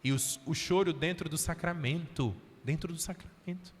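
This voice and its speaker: A man's voice: fairly high pitch, normal speed. A male priest, preaching a sermon at a healing retreat, telling stories and asking the crowd questions. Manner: storytelling, acts out voices, asks the crowd questions. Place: auditorium. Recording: reverberant auditorium, faint music behind.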